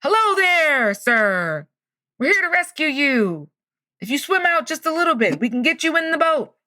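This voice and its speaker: A woman's voice: on the high side, expressive, moderate pace, bright, forceful tone. A woman doing a polite boat rescue crew. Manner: formal, courteous.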